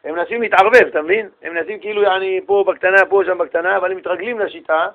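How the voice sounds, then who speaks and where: A man with a fairly high voice leads a religious class, spinning everyday anecdotes and briefly acting out the people in them. He talks in a lively, animated way, and the sound has the feel of a radio broadcast. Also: phone-quality sound. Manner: animated storytelling, acts out little dialogues. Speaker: rabbi giving a Torah class.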